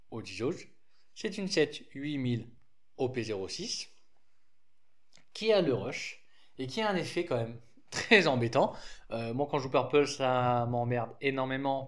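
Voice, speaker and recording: A man with a slight lisp talks through a trading card deck at an average pitch. His delivery is loose and conversational, full of fillers and self-corrections as he explains. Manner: rambling, frequent restarts and fillers, informal. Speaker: card game deck presenter.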